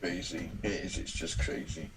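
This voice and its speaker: A man's voice: deep voice, normal speed, a crowd in the background, low-quality recording. A man joining a live stream as a guest, talking in a polite, friendly, easygoing way. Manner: polite and friendly, addresses the host as sir. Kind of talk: casual chat.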